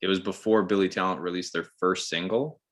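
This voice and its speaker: A man hosting a podcast in easygoing casual chat, quick to laugh and swearing casually. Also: deep voice, steady tone. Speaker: podcast host.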